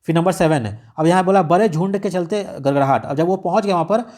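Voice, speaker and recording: A man's voice: high-pitched, fast talker, a little mellow. A man explaining a radio script lesson in a casual teaching style, mixing in English words and restarting often. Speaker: exam-prep teacher.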